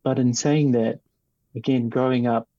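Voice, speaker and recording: A man born in New Zealand and raised partly in Tonga, a guest in an interview, speaking in a measured, reflective way with frequent ums and restarts. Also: mid-range voice, steady tone, warm tone, no room sound, lo-fi sound. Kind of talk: casual interview talk.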